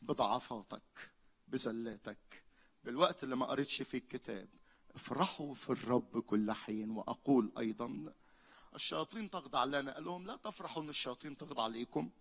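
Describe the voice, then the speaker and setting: A young man with an Egyptian accent preaching a lively sermon, calling on the congregation to repeat lines after him, swinging between loud and hushed. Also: medium pitch, quick pace. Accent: Egyptian Arabic. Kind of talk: lively call-and-response sermon. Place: church hall.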